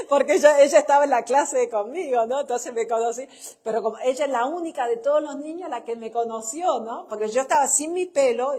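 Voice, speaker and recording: A woman's voice: high-pitched, brisk, dark tone. A middle-aged woman with a Chilean accent, a pastor's wife giving a conversational sermon through personal stories, often tagging her sentences with a questioning "no?". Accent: Chilean Spanish. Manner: anecdotal, tags sentences with "¿no?", laughs at own stories. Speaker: pastor's wife and church speaker.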